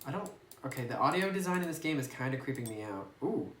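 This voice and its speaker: A bass-voiced gaming YouTuber talks fast and animatedly, giggling and musing as she reads her game's text aloud during play. The phone recording has a roomy sound and a faint hiss.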